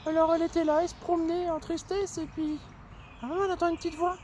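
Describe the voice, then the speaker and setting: A woman's voice: very high voice, little pitch movement, very fast, a little mellow, slight background noise. A woman voicing a cheerful young male squirrel who tells a children's story in a chatty way, full of fillers. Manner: chatty, uses many fillers.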